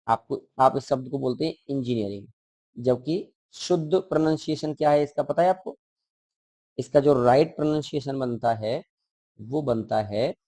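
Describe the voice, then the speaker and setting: A man's voice: mid-range voice, warm tone, no room sound. A male teacher explaining a school textbook to children, repeating key words and asking the class questions.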